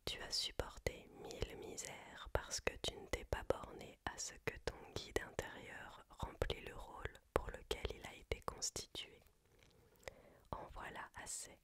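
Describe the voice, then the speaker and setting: A reader speaks entirely in a hushed library whisper. The delivery is very slow and measured, phrase by phrase, in the manner of an ASMR book reading. The voice stays unvoiced throughout.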